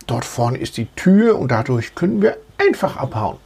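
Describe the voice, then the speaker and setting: A man's voice: medium pitch, big pitch swings, moderate pace, gravelly, darkish tone, husky, heavily acted. A man voicing a brave, boastful little boy mouse in a storybook, who talks in a reassuring, boasting way. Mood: eager.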